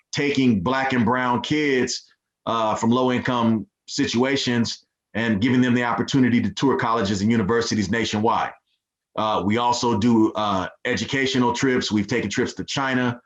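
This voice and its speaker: A man's voice: mid-range voice, normal speed. Laid-back man, dull lo-fi sound. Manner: relaxed, laid-back, many fillers, says "man". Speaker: guest, nonprofit founder. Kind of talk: casual interview chat.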